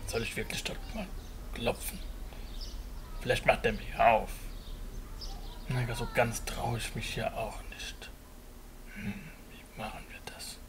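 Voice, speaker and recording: A man's voice: mid-range voice, little pitch movement, a little slow, gravelly, long pauses, a crowd in the background. A man voicing a simple, timid, friendly schoolboy in a German children's puppet show, speaking hesitantly to the children. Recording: noisy home puppet-stage recording.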